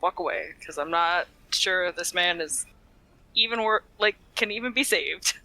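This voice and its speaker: A woman's voice: fairly low pitch, measured pace, sharp tone, dry recording, poor audio. A woman chatting casually as a player in a tabletop game, hesitantly thinking aloud. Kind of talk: casual chat during a game.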